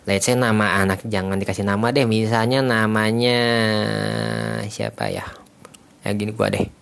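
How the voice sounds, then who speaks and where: A man's voice: on the low side, normal speed, vocal fry. A young man with a Jakarta accent giving casual parenting advice, slipping English phrases into slangy speech and repeating points for emphasis. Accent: Jakarta Indonesian. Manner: lively, lecturing, repeats himself for emphasis. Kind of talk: casual monologue to viewers.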